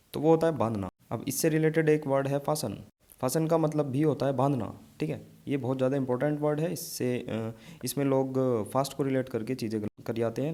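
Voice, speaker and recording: A man's voice: medium pitch, mellow. A man teaching an exam vocabulary lesson, explaining memory tricks and checking in often with his students.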